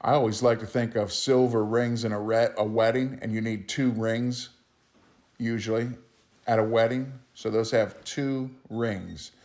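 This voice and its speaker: A man's voice: fairly low pitch, steady tone, a little slow, darkish tone. A man with an Appalachian accent teaching in an informal recorded lesson, explaining things in a plain-spoken, folksy way. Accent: Appalachian hillbilly. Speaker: biology teacher.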